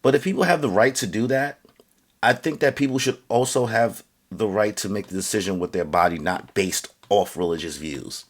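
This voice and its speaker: A man vlogger's earnest, stop-and-start opinion rant to camera is packed with fillers and restarts, and his voice rises in pitch and volume the more heated he becomes.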